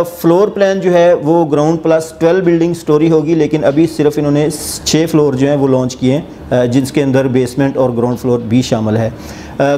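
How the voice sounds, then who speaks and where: This property channel host, a man in his forties with a Pakistani Urdu accent, sits in an office with an armchair and walks the camera through a project's rates. He reads notes and gestures with his hands, speaking in a slightly high, steady explanatory tone that is hesitant and packed with fillers and pauses. His lapel mic carries a little hiss or hum.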